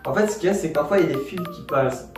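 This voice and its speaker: A man telling a personal story in a casual vlog, animated and quick to jump into other voices. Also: a little high. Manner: animated, jumps into voices and laughs. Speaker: vlogger. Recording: echoey room, far mic, music. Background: music.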